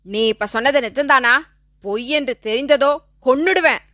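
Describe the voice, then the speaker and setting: A woman voicing a vengeful young male outlaw who shouts threats through clenched teeth. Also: high-pitched, moderate pace, no room sound, studio quality. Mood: menacing.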